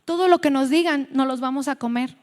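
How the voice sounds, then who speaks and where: A woman's voice: high-pitched, fairly quick, darkish tone. A woman with a Mexican accent preaching a sermon to a women's meeting, speaking conversationally and telling stories, often correcting herself mid-phrase. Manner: conversational, storytelling, self-correcting. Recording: long hall reverb.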